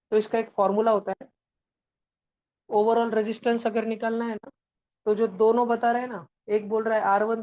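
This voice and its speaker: A woman's voice: medium pitch, dull audio. A woman teaching a science lesson, explaining through a playful story. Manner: animated storyteller, mixes English terms into explanation. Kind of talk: classroom lecture with playful storytelling.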